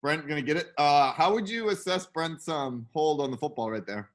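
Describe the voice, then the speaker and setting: A man co-hosting and producing a casual show, chatting in hurried run-on explanations. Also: a little high.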